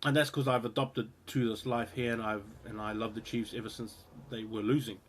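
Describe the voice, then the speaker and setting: This rugby show host, a man in his thirties, speaks in a lowish, slightly fast voice with little pitch movement. With his New Zealand accent he rambles through casual opinions to the camera, often using fillers and restarting.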